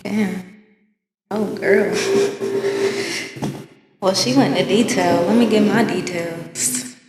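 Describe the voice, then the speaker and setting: A woman in her twenties from Oakland, California, co-hosts a podcast, talking frankly and casually with slang and frequent laughs. Her mid-range voice is slow-paced, recorded in an echoey room with long reverb and a noisy background.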